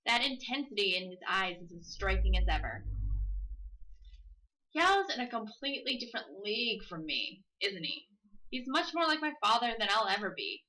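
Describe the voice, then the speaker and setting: A woman's voice: medium pitch, lively intonation, pushed and bright, low-quality recording. A woman playing through a visual novel, reading its text aloud and joking about it between lines. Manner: playful, drawls dialogue slowly for comic emphasis. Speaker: let's play host.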